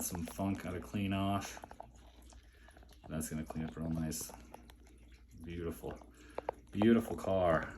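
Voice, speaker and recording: A man's voice: sits low, noisy background. A man casually unboxing and admiring a collection, chatting along and talking to his pet between items. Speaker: collector showing a mail delivery.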